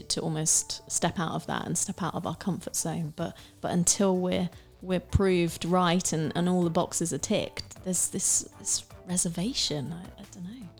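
A woman in her late thirties co-hosting a podcast, musing in a halting way with many restarts and ums. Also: fairly low pitch, darkish tone. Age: 30s. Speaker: podcast co-host. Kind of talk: casual chat.

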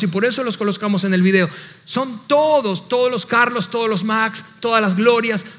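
A man preaching a sermon as pastor, animated, acting out the doubts of his listeners. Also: sits high, big-room sound.

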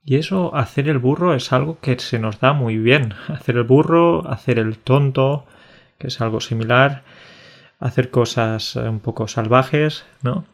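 A man from co-hosting a casual podcast for language learners, joking and talking slowly and carefully. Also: mid-range voice, gravelly. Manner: joking, slow and carefully articulated. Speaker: podcast co-host.

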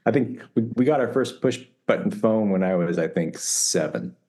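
A man's voice: fairly low pitch, lively intonation, normal speed, dark tone. A middle-aged man co-hosting a podcast, chatting casually and joking around with playful put-on voices. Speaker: podcast co-host. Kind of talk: casual chat.

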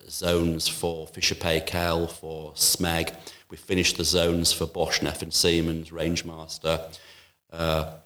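A man running a kitchen appliance shop talks about his business in an interview. His voice sits very low and stays flat, and he speaks in a measured way with frequent "uh" fillers and restarts.

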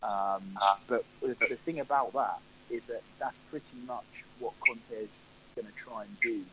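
A man's voice: medium pitch, normal speed, sharp tone. A man joining a football podcast over a crackly call line that fades in and out, talking hesitantly with frequent ums and restarts. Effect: crackly remote call line that fades in and out. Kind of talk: casual football chat. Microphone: remote phone or computer call. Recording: muffled crackly call line with faint hiss.

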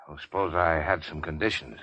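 A man's voice: extremely low pitch, a little fast, pushed and bright, full character voice. An actor playing a wounded big-shot racketeer, wry and world-weary, with clipped slangy tough-guy talk in a vintage radio crime drama. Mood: shrewd. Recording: dull vintage radio recording.

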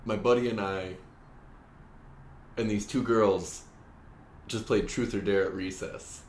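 A man in casual chat, relaxed and hesitant, telling a childhood memory. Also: fairly low pitch, slow pace. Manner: relaxed, hesitant with fillers and restarts. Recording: roomy echo with faint hiss.

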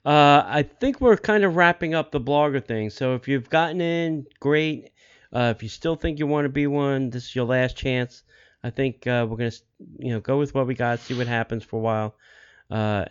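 A man hosting a podcast, making casual announcements in a halting way and repeating details for listeners. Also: mid-range voice, smooth, highs cut off. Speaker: podcast host.

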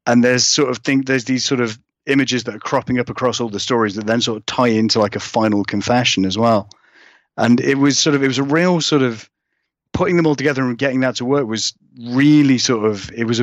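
Speaking in a mid-range voice, this man is a horror writer guesting on an interview via a remote call from abroad. He talks about his work in a loose, rambling, self-deprecating way, full of hedges. There's no echo, though the high frequencies are missing.

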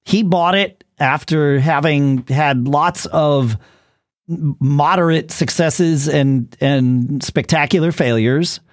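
A man co-hosting a casual business podcast, talking in an animated way, often restarting and checking in with "right?". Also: a little high, takes it slowly, dry recording, clean studio sound. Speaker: podcast co-host.

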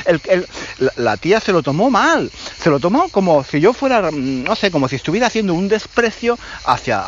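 Animated Spanish man teaching, muffled audio. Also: on the high side. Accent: Spanish from Spain. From Spain. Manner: hesitant, with frequent restarts and check-in questions. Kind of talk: casual storytelling lesson for learners. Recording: slightly muffled lo-fi audio with faint noise.

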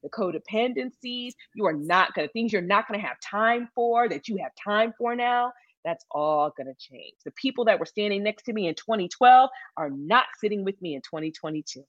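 A woman's voice: mid-range voice, expressive, normal speed, a bit bright, no room sound, highs cut off. A middle-aged woman from Michigan, a salon founder giving advice in an interview, emphatic and repeating key phrases for stress. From Michigan, USA. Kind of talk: conversational interview.

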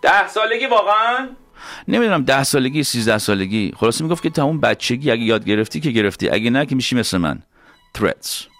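A male host telling stories in a playful, animated casual chat. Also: medium pitch, no room sound.

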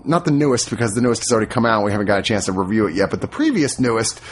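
A man's voice: on the low side, very animated, very fast, husky. A man with an American accent hosting a podcast in a casual, rambling chat style. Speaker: podcast host.

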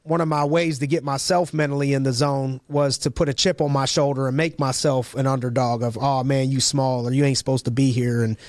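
A man's voice: medium pitch, level tone, a little fast, few pauses, darkish tone, no room sound. A man hosting a casual podcast interview, talking in hyped, rambling bursts with many restarts and slang. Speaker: podcast host.

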